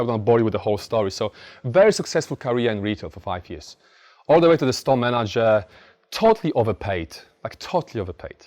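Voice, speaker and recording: A man's voice: medium pitch, darkish tone. A man from Poland with a Polish accent giving a blunt, informal motivational talk, telling stories with emphatic repetition. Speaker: motivational speaker. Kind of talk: motivational talk to a live audience.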